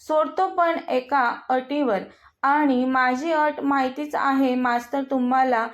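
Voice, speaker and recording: A woman's voice: high voice, fairly even intonation, takes it slowly. Sneering bully villain, read by a woman. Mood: taunting. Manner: taunting, sneering threats. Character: arrogant menacing young man, a bullying villain. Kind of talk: storybook reading.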